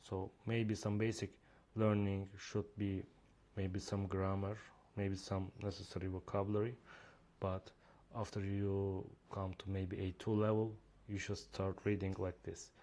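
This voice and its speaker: Demonstrating his own reading app in a screen recording, a Turkish-accented native Turkish speaker talks in an unhurried, level manner. His voice sits low and warm, and his delivery is hesitant and heavy with fillers.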